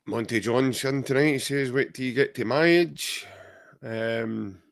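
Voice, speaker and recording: Scottish podcast co-host, forties, mid-pitched, jokey banter with viewers. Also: male voice, measured pace, creaky. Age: 40s. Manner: chatty, jokey, reads out viewer comments. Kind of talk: casual chat.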